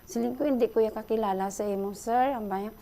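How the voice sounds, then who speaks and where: Excited Hiligaynon-accented woman caller. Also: fairly high pitch, fast. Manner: excited, breathless retelling, addresses host often. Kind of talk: casual storytelling on radio.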